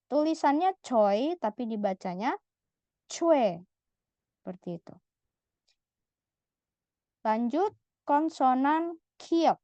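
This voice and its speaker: A woman's voice: high voice, lively intonation, slow, pauses often, dark tone, no room sound. A woman teaching Korean letters in a patient, step-by-step way, sounding out each syllable and repeating it. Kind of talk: slow step-by-step lesson. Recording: slightly dull lo-fi audio.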